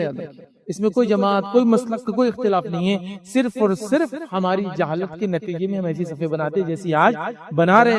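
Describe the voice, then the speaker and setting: A man preaching in a conversational style, explaining with rhetorical questions and stories from his own life. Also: high-pitched. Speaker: Islamic preacher. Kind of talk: conversational sermon.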